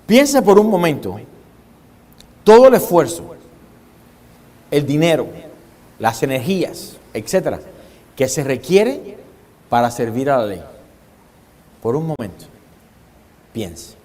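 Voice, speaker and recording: A man preaching a sermon as a pastor, dramatic, shifting his pace and loudness and putting questions to his congregation. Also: mid-range voice, sing-song, takes it slowly, long pauses. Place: church hall with congregation. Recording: long hall reverb.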